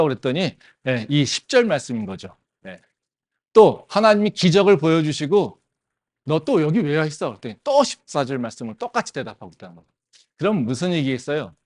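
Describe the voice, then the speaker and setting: A man preaching a sermon as pastor of a campus church, talking animatedly and asking the congregation rhetorical questions. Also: a little high. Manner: animated, with rhetorical questions and frequent affirming interjections.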